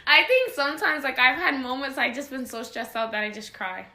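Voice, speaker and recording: A woman's voice: high voice, fairly quick, echoey room. A woman co-hosting a podcast in casual chat, laughing often and telling stories with energy. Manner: laughs often, animated storytelling. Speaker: podcast co-host.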